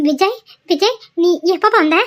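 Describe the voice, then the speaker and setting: A woman's voice: very high-pitched, expressive, a little slow, fairly bright tone. A woman voicing an emotional young pregnant wife in a cartoon, pleading and often tearful. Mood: indignant. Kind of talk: cartoon voice acting. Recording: dull lo-fi sound.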